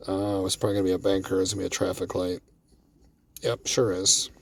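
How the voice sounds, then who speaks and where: Recorded from a distance with slight background noise, a gambling strategy vlogger talks fast in a low, creaky, flat voice from his parked car. The man casually comments on his play, cussing often and calling viewers bro in a laid-back way.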